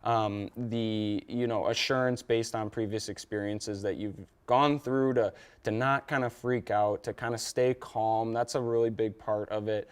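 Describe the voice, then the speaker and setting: A young man from Wisconsin speaks in a low, smooth, resonant voice. He answers questions casually, with fillers and restarts, as an angler guest on a TV show. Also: unhurried, few pauses. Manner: relaxed, many fillers and restarts. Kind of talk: casual interview.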